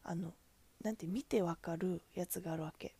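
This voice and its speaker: A woman's voice: fairly low pitch, normal speed, dark tone, husky. A woman with a Kansai accent, a cashier, venting in a chatty, exasperated way about customers at the register. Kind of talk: casual venting monologue.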